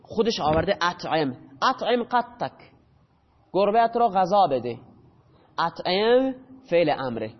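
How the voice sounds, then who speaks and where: A man with a high voice teaches a grammar class, taking each rule step by step and stopping to quiz his students. The audio is dull and muffled, and his voice rings with a long hall reverb. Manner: explains step by step, quizzes students with questions.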